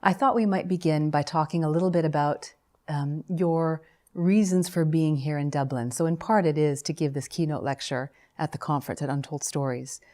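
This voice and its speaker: A woman with a low-pitched voice opens an academic interview. She reads titles and names in a formal, measured way. Then she asks her guest questions with steady care. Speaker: interviewer, professor.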